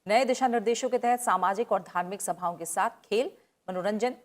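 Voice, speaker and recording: Female news anchor, formal even read, mid-pitched. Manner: steady, measured delivery.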